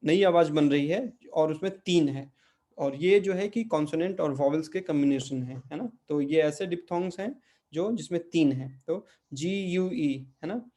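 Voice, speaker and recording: A man's voice: fairly high pitch, moderate pace, mellow. A middle-aged man teaching a language class, patiently explaining pronunciation and often checking with the students. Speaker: Portuguese teacher. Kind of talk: online language lesson in Hindi.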